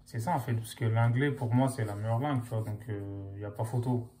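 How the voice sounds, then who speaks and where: A man's voice: medium pitch, fairly even intonation, a little fast, mellow, slight background noise. A young man, chatting casually to camera in loose, slangy speech full of fillers. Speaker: vlogger.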